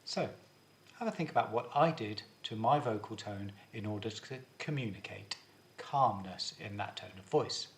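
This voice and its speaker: A male drama teacher giving a video lesson, explaining things clearly and guiding students step by step. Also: on the low side, normal speed, slight background noise.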